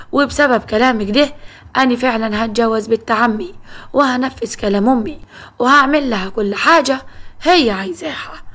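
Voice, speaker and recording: A woman's voice: fairly high pitch, fairly bright tone. A woman voicing a stubborn, domineering young husband with an Egyptian accent who talks in a harsh, commanding way.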